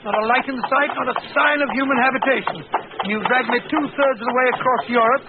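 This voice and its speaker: An actor playing a grumbling, skeptical older English doctor with a blustering manner, in 1940s radio style. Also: male voice, very high voice, steady tone, quick pace, narrow, tinny audio. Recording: noisy, crackly old radio broadcast.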